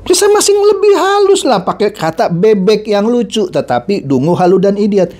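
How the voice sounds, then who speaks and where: Middle-aged male commentator, sarcastic and mocking, high-ish voice that swings widely; ranting video host. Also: very animated, normal speed, darkish tone. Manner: mocking, sarcastic, repetitive insults.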